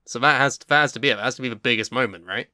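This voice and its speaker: A young man co-hosting a casual podcast chat, swearing freely and bursting into excited yelling. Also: medium pitch, racing, dry recording, studio quality. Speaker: podcast co-host.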